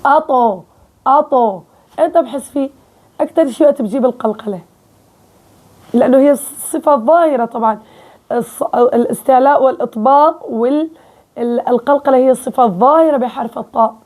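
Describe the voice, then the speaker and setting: A woman with a high, light voice and a Levantine Arabic accent gives a relaxed recitation lesson. She walks through each point step by step and keeps checking that her listeners are following. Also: fast. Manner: explains step by step, often checking with "okay?". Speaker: Quran recitation teacher. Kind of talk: casual spoken lesson.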